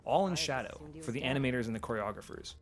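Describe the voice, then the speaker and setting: A man giving scripted developer commentary on a video game, with a measured, explanatory read. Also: medium pitch, animated.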